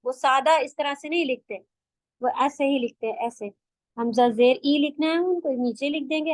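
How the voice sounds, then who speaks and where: A woman's voice: sits high, dry recording. A woman teaching an online recitation class, patiently explaining step by step and sounding out letters for her students. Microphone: video call.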